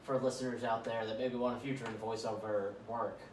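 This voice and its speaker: A man's voice: medium pitch, level tone. A man co-hosting a comedy podcast, talking casually and joking. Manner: quick, joking. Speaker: podcast co-host. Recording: echoey room, far mic, noise.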